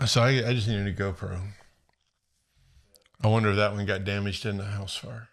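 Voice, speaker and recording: A man from Florida co-hosting a casual podcast, telling rambling stories full of restarts and quick impressions. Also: fairly low pitch, steady tone. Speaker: podcast co-host. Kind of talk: casual chat.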